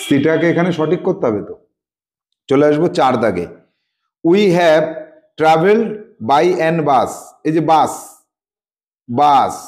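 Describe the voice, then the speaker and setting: A man teaching English grammar through a worksheet, repeating words and slowly spelling out example sentences for students. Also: a little high, a little mellow.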